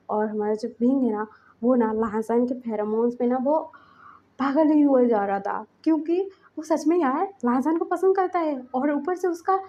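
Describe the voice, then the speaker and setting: A woman's voice: fairly high pitch, dark tone, highs cut off. A woman narrating a fanfiction story in a chatty, casual way with lots of fillers.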